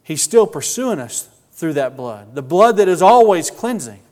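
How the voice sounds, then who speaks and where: Male preacher, earnest and emotional, slightly high voice, long hall reverb. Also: very animated, darkish tone. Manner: earnest, emotional, slow emphatic phrasing. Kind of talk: sermon.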